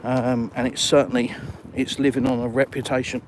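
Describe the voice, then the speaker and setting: A man's voice: mid-range voice, level tone, moderate pace. A middle-aged Englishman with an English accent, live-streaming as he walks through a city at night, chatting and answering viewer comments. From England. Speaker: vlogger. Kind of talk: live walk-and-talk stream. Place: city streets at night, outdoors. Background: faint traffic noise.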